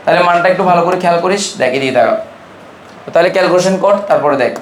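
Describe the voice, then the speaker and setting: A man's voice: sits high, echoey room, a little hiss or hum. A man from Bangladesh teaching a chemistry class, constantly quizzing his students in an informal, brotherly way. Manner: keeps quizzing students with quick questions. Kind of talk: classroom lecture.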